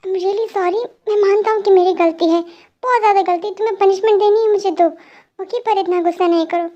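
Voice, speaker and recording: A woman's voice: very high voice, steady tone, fairly quick, mellow, highs cut off. A woman voicing a playful, apologetic young husband who is a police officer, in an amateur fan dub. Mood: coaxing. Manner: coaxing, playful pleading.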